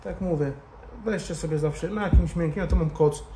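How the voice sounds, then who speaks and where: A man with a slightly high voice talks at a normal speed, walking through a hands-on tutorial in a loose, casual way and often muttering to himself as he works. He's a motorcycle vlogger recording in an indoor garage-bar lounge. The room echoes and there's background noise.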